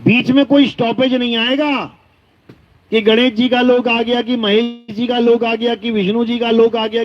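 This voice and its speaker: A man giving a devotional discourse as a spiritual teacher, slowly chanting verses and then explaining them plainly. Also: very high voice. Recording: dull lo-fi recording.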